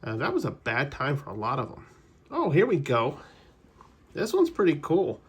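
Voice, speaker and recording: A man's voice: on the high side, huge pitch swings, moderate pace, husky. Chatty man ripping card packs. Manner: chatty, rambling trivia asides with self-corrections. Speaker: card-collecting channel host. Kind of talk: casual pack-opening commentary.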